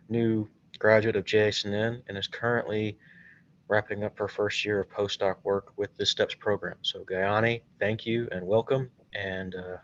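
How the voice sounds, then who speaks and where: A man's voice: lowish voice, fairly bright tone, lo-fi sound. A young man in his twenties, a graduate student moderating a seminar interview over a video call, asking loose questions with restarts.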